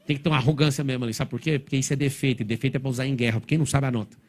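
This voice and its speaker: A man giving a motivational stage talk to a live audience, blunt and provocative in a rapid-fire way. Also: mid-range voice, fairly even intonation, a little mellow. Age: adult, father of four. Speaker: motivational speaker.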